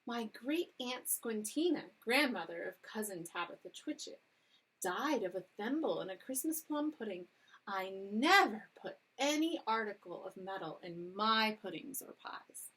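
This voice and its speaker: A woman's voice: mid-range voice, expressive, measured pace, a bit bright, breathy edge, poor audio. A woman voicing a proper lady cat hostess in a storybook reading, formal and severe. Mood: prim.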